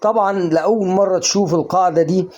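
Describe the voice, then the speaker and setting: A man's voice: sits high, fairly even intonation, fast talker, a little mellow. An Egyptian man teaching English pronunciation in a casual online lesson, coaxing the viewer with questions he answers himself. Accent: Egyptian Arabic.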